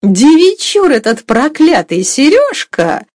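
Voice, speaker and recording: A woman voicing a rough, sharp-tongued peasant cook who scolds in loud, drawn-out exclamations. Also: high-pitched, very animated, no room sound, clean studio sound, pitched above the performer's own voice, heavily acted. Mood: scolding.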